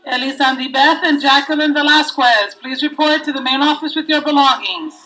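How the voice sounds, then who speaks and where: A woman making a formal school office announcement over a PA system, loud and measured, repeating her message. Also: sits high, rough recording.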